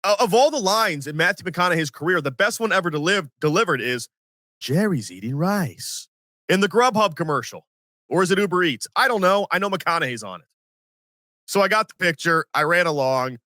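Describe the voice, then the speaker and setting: A man in his forties hosting a sports podcast, telling stories in an animated, self-mocking way and acting out what others said. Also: high voice, brisk, dry recording, clean studio sound. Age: 40s. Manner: animated, self-mocking storyteller who acts out quotes. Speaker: podcast host. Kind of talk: casual sports podcast storytelling.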